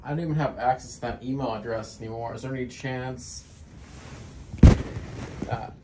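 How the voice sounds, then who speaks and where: A man making a casual, deadpan complaint as a prank caller, rambling in a gravelly voice. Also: medium pitch, normal speed. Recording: faintly noisy phone-camera recording.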